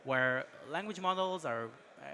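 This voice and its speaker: Bright-voiced man from Israel demoing. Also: on the high side, a little hiss or hum. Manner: halting, many fillers and restarts. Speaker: startup guest demoing AI product. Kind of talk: casual explaining, product demo.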